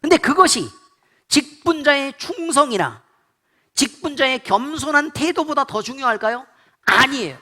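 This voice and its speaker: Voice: high voice, expressive, moderate pace, pushed and bright. A pastor preaching a sermon in blunt, colloquial speech, repeatedly quizzing the congregation with call-and-response questions.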